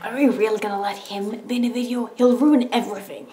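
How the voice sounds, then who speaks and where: A woman's voice: fairly high pitch, fairly even intonation, fast talker, heavy reverb, loud music behind the voice, natural voice. A young woman playing a bossy, fussy young male villain in a fan cosplay skit, in a home kitchen filmed by a far camera. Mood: exasperated. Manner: bossy, exasperated, nagging.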